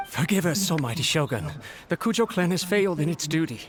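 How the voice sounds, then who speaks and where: A man's voice: a little high, expressive, fairly quick, soft background music, close to an everyday voice. A man voicing a nervous, deferential young clan retainer in a video game, hesitant and very polite. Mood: apologetic, uneasy.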